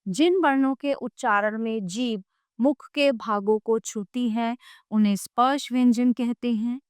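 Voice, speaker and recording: A woman's voice: fairly high pitch, clean tone, no echo, studio quality. A woman teaching a grammar lesson, reading out letters one by one with classroom asides. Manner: slow, deliberate listing of letters with classroom asides.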